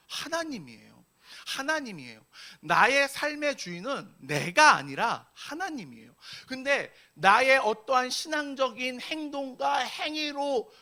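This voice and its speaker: A man's voice: very high-pitched, bright, forceful tone. A young man preaching a sermon to a youth service, asking the congregation questions and rising sharply when he voices a complaint. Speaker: pastor. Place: church sanctuary.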